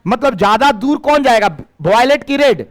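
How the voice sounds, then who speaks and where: A male teacher, giving a lively classroom physics lecture and firing questions at his students. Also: very high-pitched, normal speed. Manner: lively, questioning students, mixing in Bhojpuri phrases.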